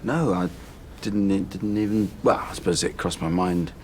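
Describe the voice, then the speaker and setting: A man's voice: deep voice, moderate pace, a little hiss or hum, close to an everyday voice. A man playing a stammering hostage comedian. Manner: stammering, placating, tripping over his words. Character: nervous male comedian held hostage. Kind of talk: television sitcom acting.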